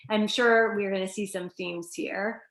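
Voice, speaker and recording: A woman's voice: medium pitch, fairly even intonation, a little slow, creaky, echoey room. A middle-aged woman co-hosting a career webinar, talking loosely with many fillers and restarts. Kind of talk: conversational webinar presentation.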